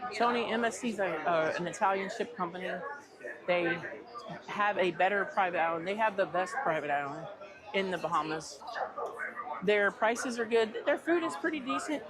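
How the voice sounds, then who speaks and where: A woman's voice: mid-range voice, animated, moderate pace, poor audio. American woman livestreaming amid crowd noise. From United States. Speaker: livestream host. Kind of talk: casual live chat. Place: busy theme park. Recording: busy crowd noise behind.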